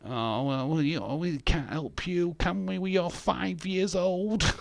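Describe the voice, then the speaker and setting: Reading viewers' chat messages on his live stream, a fifties-aged man fires back blunt, sarcastic, profanity-laden replies. His voice sits high with vocal fry and a measured pace, and there's no echo.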